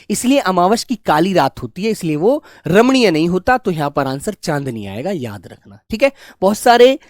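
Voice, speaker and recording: A man's voice: high-pitched, dry recording, studio quality. A man teaching a Hindi exam coaching lesson, fondly calling his listeners "my dear children" and drilling sounds aloud.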